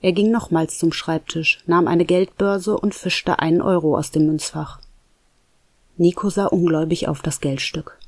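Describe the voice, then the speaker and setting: A storyteller reading a reflective story in calm scripted narration, turning to address the listener directly. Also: medium pitch, moderate pace, no echo.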